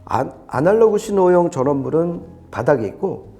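A man with a fairly high, sing-song, mellow voice gives an unscripted technical review of audio equipment at a moderate pace. His explanation of the specs is conversational and emphatic.

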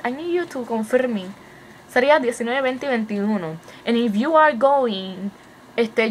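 A young woman with a Puerto Rican accent rattles through a casual video update, excited and hyper. She switches between Spanish and English words as she goes, in a slightly high voice. A faint hiss of room noise sits behind her. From Puerto Rico. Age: young adult. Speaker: vlogger.

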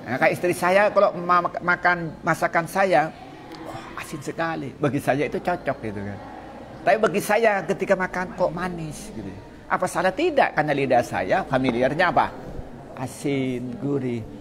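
A man's voice: a little high, moderate pace, a bit bright, slight background noise. A man from Madura giving a casual religious lesson. He asks his listeners questions, answers them himself, and reads out Arabic quotations. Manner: mixes Arabic quotations into the talk. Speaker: Islamic religious teacher.

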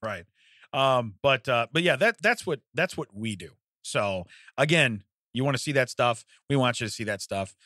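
Recorded dry on a studio mic, the man's mid-range voice is expressive and sharp, with a moderate pace. He co-hosts a comedic podcast, reading news stories aloud in a loose, rambling chat and breaking into laughter often.

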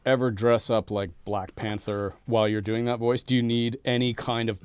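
A man's voice: mid-range voice, flat delivery, moderate pace, a little mellow, clear, resonant tone, no room sound. A man hosting a casual studio interview, asking eager, rambling questions. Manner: enthusiastic, rambling questions with restarts. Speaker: interview host.

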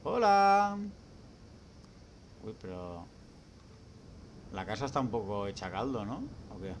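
A man's voice: lowish voice, sing-song, slow pace, slight background noise. A man with a Spanish accent from Spain giving casual, jumpy, scared commentary as he streams a horror game. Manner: scared, jumpy, muttering nervous reactions and exclamations. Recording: game music behind the voice. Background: video game music.

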